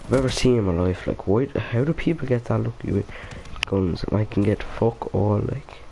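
A man's voice: on the low side, moderate pace, gravelly, noisy background. A young man giving casual, frustrated commentary on his own gameplay, swearing and muttering to himself. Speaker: gamer.

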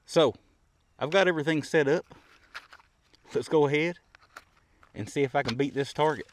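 A man's voice: fairly high pitch, moderate pace, a little hiss or hum. Easygoing man explaining at an outdoor range. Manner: plain, easygoing, explains step by step. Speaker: shooting channel host. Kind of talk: casual instructional vlog. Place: covered outdoor shooting bench.

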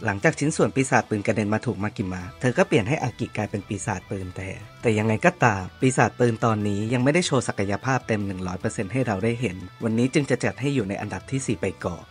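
A man giving scripted voice-over narration, reading out a ranked list in a steady, informative way. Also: mid-range voice. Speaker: channel host.

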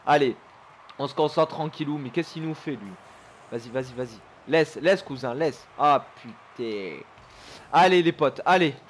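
A young man commentating his own gameplay for viewers, excitable and chummy, swearing and shouting at the game. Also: fairly high pitch, measured pace, slight background noise. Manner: chummy, keeps calling viewers his pals. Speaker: gaming YouTuber.

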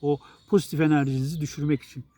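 A man's voice: a little high, steady tone, rapid-fire, warm tone, no echo. A middle-aged male journalist and writer from Turkey, talking straight to his viewers in a blunt, exasperated, rambling monologue full of restarts.

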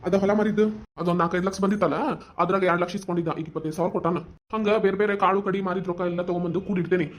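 A voice actor gives a caring older village father in a family cartoon, talking at a breathless clip in North Karnataka Kannada. His voice sits at a plain middle pitch, and he reassures his family in a warm, practical way. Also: steady tone, very fast, natural voice. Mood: explaining, caring.

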